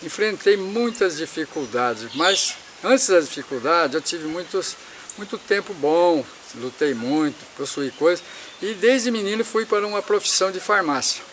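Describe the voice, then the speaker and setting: A man's voice: sits high, expressive, moderate pace, fairly bright tone, slight background noise. A man in his seventies from Paraná, Brazil, telling his life story in a rambling way and repeating himself. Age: 70s.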